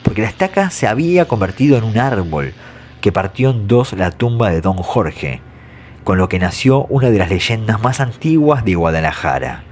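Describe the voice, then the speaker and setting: A man narrates scripted horror legends in a measured storytelling way. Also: lowish voice, sing-song, slight background noise. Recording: faint music behind the voice. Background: soft background music.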